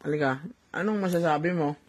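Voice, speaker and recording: A woman's voice: low voice, a little fast, slight background noise. A woman chatting casually with her talking pet, coaxing it with teasing questions. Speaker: pet owner.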